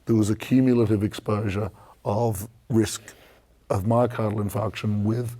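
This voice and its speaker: A man with a hoarse, croaky voice presenting an expert conference review in a measured, explanatory way. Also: lowish voice, little pitch movement, warm tone. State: croaky from a strained voice this week.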